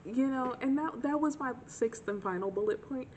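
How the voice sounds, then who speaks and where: A young woman telling dating stories in a casual, sarcastic, animated way to her camera. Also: high voice, moderate pace, slight background noise. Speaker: vlogger. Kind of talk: casual storytime chat.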